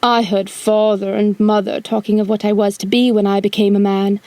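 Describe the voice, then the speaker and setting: A woman's voice: mid-range voice, little pitch movement, normal speed, warm tone, no echo, close to an everyday voice. A woman playing Peter Pan, a boastful, playful young boy, with theatrical, childlike delivery in an audio drama. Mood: wistful, confiding. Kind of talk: audio drama acting, also narrating own stage actions.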